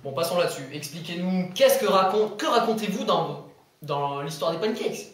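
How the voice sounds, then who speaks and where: A man's voice: sits high, lively intonation, normal speed, fairly bright tone. A man playing a self-important TV news anchor in a comedy sketch, who stumbles over words and corrects himself. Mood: pompous. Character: pompous bumbling male TV news anchor. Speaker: news presenter. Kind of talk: amateur comedy sketch acting. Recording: echoey room.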